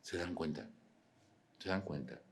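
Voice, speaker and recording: A man, preaching an animated sermon with rhetorical questions, swinging from loud to quiet. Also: very deep voice, measured pace. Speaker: pastor.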